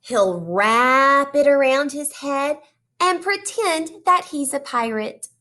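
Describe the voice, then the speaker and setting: A woman reads a children's storybook aloud for young kids in a high-pitched, unhurried, expressive teacher's style. She talks directly to the children, asking questions and offering praise.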